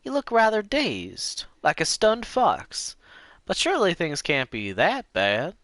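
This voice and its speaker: A man's voice: high-pitched, wildly swooping pitch, takes it slowly, a bit bright, no echo, clean studio sound, voice pushed up, exaggerated voice. A man putting on the voice of a kindly, chatty elderly woman in a game playthrough. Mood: coaxing.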